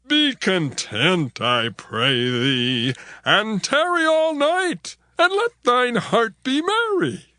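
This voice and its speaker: A man playing a genial older father-in-law, pleading in a drawn-out delivery in a dramatized scripture reading. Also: sits high, sing-song, sharp tone, no room sound, clean studio sound, full character voice. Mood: coaxing, hospitable.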